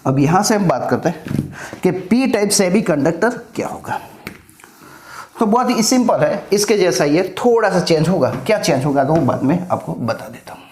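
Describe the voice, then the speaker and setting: A man's voice: high-pitched, lively intonation, moderate pace, darkish tone, a little hiss or hum. A middle-aged man teaching a physics lesson, explaining step by step and mixing in English terms. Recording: echoey room.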